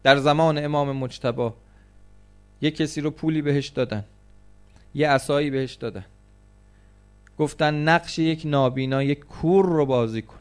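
A man preaching a religious story as a sermon, acting out the cries of the people in it and swinging from loud outbursts to hushed, slow passages. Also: on the high side, smooth. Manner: dramatic, acts out quoted cries and voices, swings from loud to hushed.

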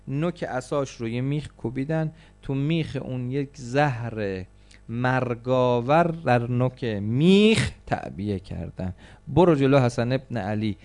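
A man preaching a religious story as a sermon, acting out the cries of the people in it and swinging from loud outbursts to hushed, slow passages. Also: medium pitch. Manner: dramatic, acts out quoted cries and voices, swings from loud to hushed.

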